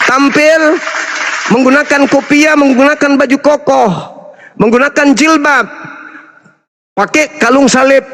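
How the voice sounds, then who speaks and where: A man's voice: very high-pitched, fairly bright tone, big-room sound. A man, an Islamic apologist, lecturing and taunting his opponents in a combative interfaith debate.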